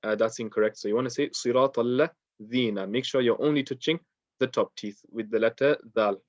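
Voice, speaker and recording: A man's voice: medium pitch, fast talker, no room sound, dull audio. A man teaching a beginners' recitation lesson, explaining pronunciation patiently and step by step, with frequent ums and uhs.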